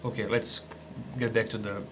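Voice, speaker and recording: A man's voice: fairly low pitch, flat delivery, moderate pace, a little hiss or hum. Joking man tasting rations. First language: Croatian. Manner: chatty, joking, restarts and hesitations. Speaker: ration reviewer. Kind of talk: casual food review vlog.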